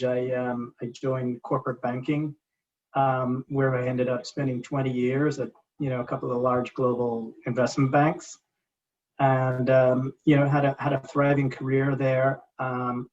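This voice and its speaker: A man in his forties from Guyana, raised in England, talking as a podcast guest from his home office, halting and repeating words with many fillers. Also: medium pitch, lo-fi sound. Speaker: guest, entrepreneur.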